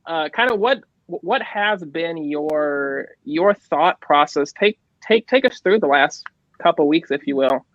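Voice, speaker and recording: A man's voice: fairly high pitch, lively intonation, a little slow, fairly bright tone, no room sound, highs cut off. A man hosting, a pastor asking interview questions in a hesitant, filler-heavy way. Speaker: pastor and host.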